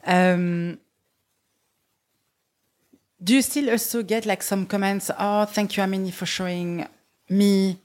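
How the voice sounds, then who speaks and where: A woman's voice: mid-range voice, fairly even intonation, takes it slowly, long pauses, darkish tone. A woman hosting a casual interview, listening attentively and agreeing. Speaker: podcast host.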